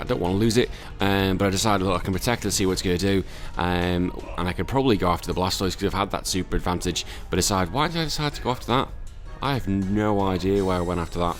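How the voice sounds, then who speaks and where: A tired man recovering from illness, casually commentating a Pokemon battle with lots of fillers and self-corrections. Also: deep voice.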